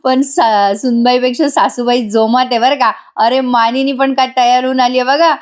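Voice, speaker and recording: A woman's voice: high-pitched, normal speed. Chatty woman reviewing a TV serial. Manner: chatty, excited, laughs often. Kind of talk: voice-over episode review.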